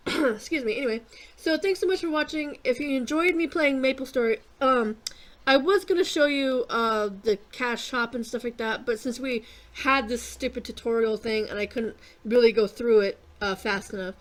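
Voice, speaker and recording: A woman casually narrating her gameplay, rambling with lots of fillers and casual swearing, clearing her throat and coughing often. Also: a little high, normal speed. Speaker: gaming YouTuber.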